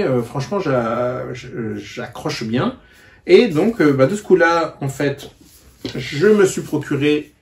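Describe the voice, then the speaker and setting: A man's voice: mid-range voice, darkish tone. A man giving a casual book-review vlog, talking hesitantly with lots of fillers and restarts. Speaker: book vlogger.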